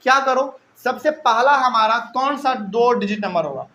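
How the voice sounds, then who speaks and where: High-voiced man teaching math. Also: moderate pace, bright, forceful tone, poor audio. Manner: explains step by step, asking and answering his own questions. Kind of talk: classroom math lesson.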